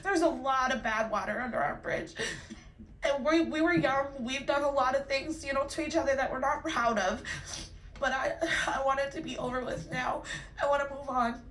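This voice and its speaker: A woman's voice: high voice, fairly even intonation, normal speed, a bit bright, a little hiss or hum. A woman pleading emotionally and tearfully before a judge in a courtroom recording played from a court show. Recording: echoey courtroom, voice from off-mic.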